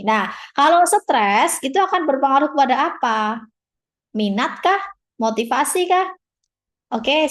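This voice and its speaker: A woman tutor teaching a live online class, patiently explaining and answering students by name over a video call. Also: high voice.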